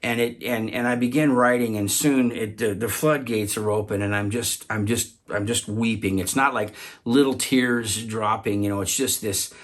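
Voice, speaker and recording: A man telling a personal story, halting often to repeat and restart his words. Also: fairly low pitch, fairly even intonation.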